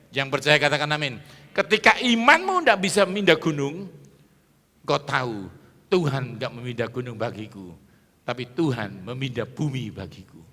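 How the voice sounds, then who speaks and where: A middle-aged male preacher delivers an emphatic sermon, his voice bright and swinging widely in pitch. He keeps rousing the congregation for amens and applause. The sound rings with the long reverb of a large church hall.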